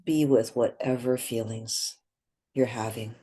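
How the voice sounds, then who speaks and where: A woman guides a meditation in a husky, extremely low, steady voice, speaking very slowly and gently. She sets out short phrases with long pauses between them.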